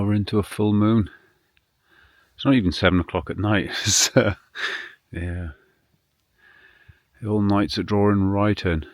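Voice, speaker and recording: A British man with a lowish voice talks casually, as if vlogging to friends. He rambles along in a self-deprecating, slightly sweary way. The sound is very dry, with hardly any room echo. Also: a bit bright. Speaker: vanlife vlogger. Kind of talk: casual vlog chat.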